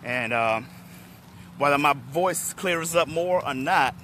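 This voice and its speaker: Standing under trees in a parking lot, a middle-aged Washington, D.C. man who works as a motivational speaker talks to his livestream audience through a phone held out at arm's length. He speaks slowly in a hoarse, fairly high voice, chatting easily and calling viewers by name, with a little hiss or hum in the audio.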